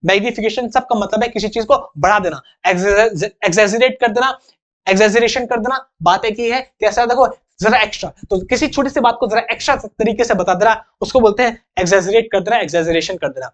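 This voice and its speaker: A man's voice: sits high, brisk, a bit bright. A young man teaching an English vocabulary lesson in a chatty, joking way, acting out little examples.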